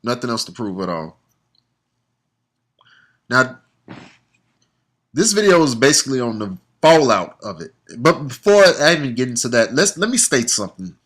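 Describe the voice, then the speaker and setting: A man's voice: mid-range voice, sing-song, moderate pace, long pauses, a bit bright. Blunt, heated male sports vlogger. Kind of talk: opinionated casual monologue.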